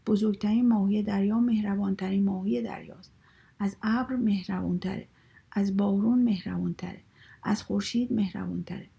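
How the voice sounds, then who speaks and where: A woman voicing a small, clever, cheeky male rabbit in a children's story, pleading and singing flattery. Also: medium pitch, creaky, husky, exaggerated voice. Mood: flattering singsong. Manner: pleading, then sings flattery to a drum.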